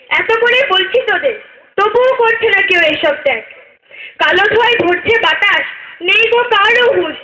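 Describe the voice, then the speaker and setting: A woman acts out a sorrowful female nature spirit in a stage play, her voice pitched extremely high as she laments and lectures in rhyming verse. The sound is roomy and echoey, like a hall. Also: pushed and bright, exaggerated voice. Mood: reproachful declaiming. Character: grieving female nature spirit, river and tree.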